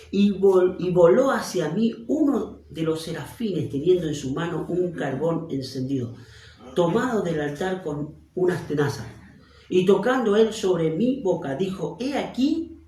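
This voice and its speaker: Argentine male pastor, higher voice, preaching a Bible study, roomy distant sound. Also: mellow. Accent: Argentine Spanish. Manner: preaching, slows and swells on key phrases.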